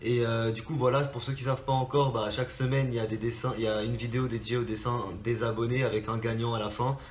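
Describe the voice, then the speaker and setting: This young man from France talks fast in a level, mid-range voice, with reverb and slight background noise in the recording. He hosts a drawing channel and speaks casually to his subscribers, nose stuffy from a cold, rambling with plenty of hesitant restarts.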